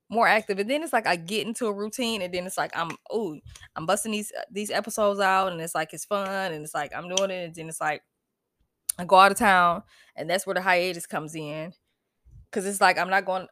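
A woman's voice: medium pitch, a bit bright, no echo, studio quality. Congested American woman, emphatic podcast host. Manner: emphatic, preachy, laughs often. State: stuffy, congested. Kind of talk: casual solo podcast talk.

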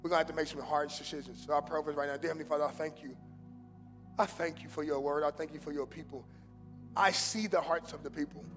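A pastor with a high voice delivers a sermon to his congregation in a church sanctuary, moving easily between casual street slang and fervent exhortation, from loud fervor to hushed prayer. He talks fast in a steady tone. A long hall echo carries his words over soft music underneath.

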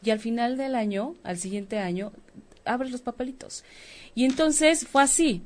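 A woman's voice: a little high, unhurried, a little mellow. Woman sharing a personal story. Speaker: co-host. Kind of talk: casual talk-show conversation.

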